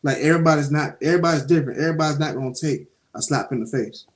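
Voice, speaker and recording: A young man talks through a TV episode with a loose, streetwise swagger, swearing and storytelling as he goes. His voice sits a little high for a man. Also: rapid-fire. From Jacksonville, Florida (Duval). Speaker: podcast co-host. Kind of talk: casual show review chat.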